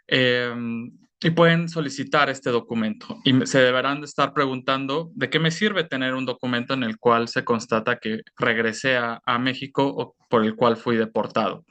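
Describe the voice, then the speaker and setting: A man giving a careful explanatory talk on a video call, filling pauses with "eh" and "¿no?". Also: medium pitch, bright, forceful tone. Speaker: presenter at an online information session.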